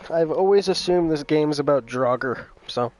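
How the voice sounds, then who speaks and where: A man's voice: a little high, a little slow, a little mellow. A man giving casual live gameplay commentary as a streamer, chatting to his viewers. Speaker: game streamer.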